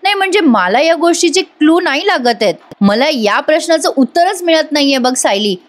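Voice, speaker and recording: A woman reading the part of a calm, caring young husband who reasons things out aloud, with her voice a little raised. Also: high-pitched, brisk, voice pushed up. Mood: earnest. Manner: reassuring, thinking aloud.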